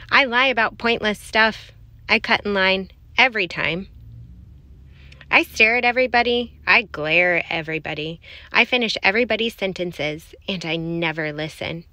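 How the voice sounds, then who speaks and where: A woman gives an expressive picture book read-aloud, now and then falling to a soft whisper for an aside. Her voice is bright and clear, and the recording is dry and close with no room sound. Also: medium pitch, no room sound. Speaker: children's book reader.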